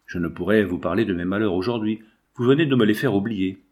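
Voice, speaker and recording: A man's voice: fairly low pitch, quick pace, a little mellow, close to an everyday voice. A man reading the lines of an older exiled father, grave and overcome with emotion, in an audiobook. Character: older exiled father, proud yet deeply moved.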